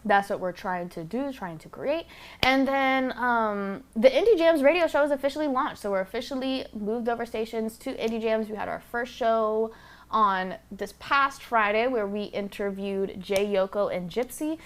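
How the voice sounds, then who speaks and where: A woman's voice: fairly high pitch, normal speed. A woman hosting a casual solo podcast, talking candidly and bluntly and swearing freely into a close microphone. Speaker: podcast host.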